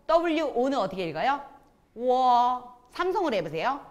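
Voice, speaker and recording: A woman's voice: on the high side, very animated, normal speed. A woman teaching a pronunciation lesson, calling out sounds and cues for students to repeat. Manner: calls out drills with cues to repeat. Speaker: Chinese language teacher.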